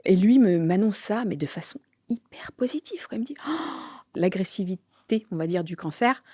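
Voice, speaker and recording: A woman, telling her own story candidly, halting with many fillers and sometimes dropping to a near-whisper. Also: medium pitch, lively intonation, dark tone, slightly rough, no room sound, studio quality. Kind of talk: personal testimony.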